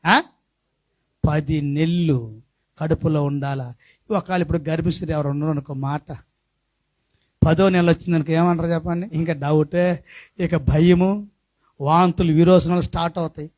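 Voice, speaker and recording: A middle-aged pastor delivers a sermon in a high-pitched male voice. He poses questions to the congregation and swings from soft, conversational asides to loud, shouted passages. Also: fairly even intonation, moderate pace, pauses often. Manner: swings from quiet talk to shouted preaching.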